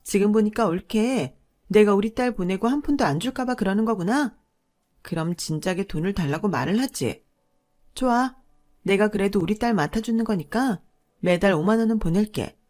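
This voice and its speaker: A woman voicing a pushy, greedy middle-aged sister-in-law who scolds and demands in a loud voice. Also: mid-range voice, animated, moderate pace, close to an everyday voice. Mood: demanding.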